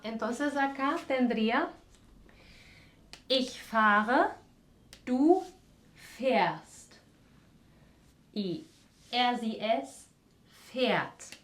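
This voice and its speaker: A woman, teaching a casual language lesson with slow, careful, drawn-out examples. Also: a little high, a bit bright, roomy sound.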